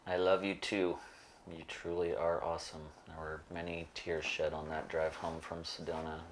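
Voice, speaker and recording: A man and parent in a casual family talk, telling jokes and offering warm praise. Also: low voice, level tone, normal speed, a little hiss or hum. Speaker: parent and co-host.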